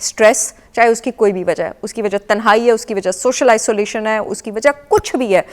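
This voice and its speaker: A woman's voice: on the high side, a little fast. A woman with a Pakistani accent, a nutrition expert guest on a TV morning show, lecturing with emphatic repetition and English phrases mixed in. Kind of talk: explanatory talk-show chat. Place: television studio.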